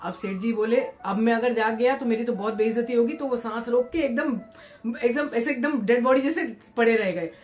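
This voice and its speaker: A woman's voice: fairly high pitch, normal speed, darkish tone. A woman with an Indian accent, narrating a spiritual moral story and voicing its characters herself. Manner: switches between narration and quoted character voices.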